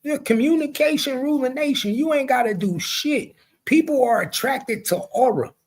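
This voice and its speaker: With an extremely high-pitched voice at a normal pace, a man in his 40s hosts a relaxed conversation. He spins stories in a blunt, animated way, cursing freely.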